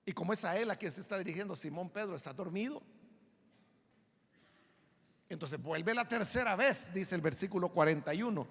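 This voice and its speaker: A man's voice: high-pitched, moderate pace, long pauses, fairly bright tone, long reverb tail. A Salvadoran pastor teaching a Bible study sermon in a church. He explains emphatically and often asks listeners to agree. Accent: Salvadoran Spanish.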